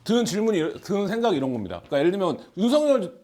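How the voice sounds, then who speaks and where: Fast-talking high-voiced male host. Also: very animated, darkish tone, faint music behind. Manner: quick, playful questioning. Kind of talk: political talk show hosting.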